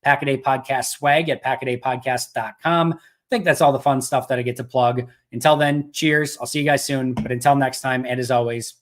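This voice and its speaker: Casual podcast host, slightly worn voice. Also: male voice, medium pitch, fairly even intonation, a little fast. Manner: conversational, thinks aloud with restarts. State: losing his voice. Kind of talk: casual live Q&A chat.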